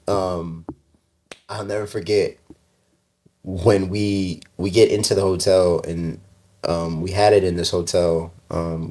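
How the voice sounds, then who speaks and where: Deep-voiced man telling stories, full of fillers. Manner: relaxed storytelling, many "like" fillers, laughs often. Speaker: fashion designer guest. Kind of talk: casual interview chat.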